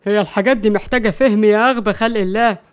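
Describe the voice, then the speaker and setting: A woman with an Egyptian accent voicing an angry young man who shouts and curses. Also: medium pitch, steady tone, racing, natural voice. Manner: shouting and cursing.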